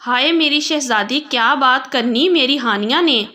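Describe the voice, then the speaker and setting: Lady reading the part of a sweet young husband from a storybook, coaxing and affectionate, bright voice. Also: sits high. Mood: tender. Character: loving young husband, tender and teasing.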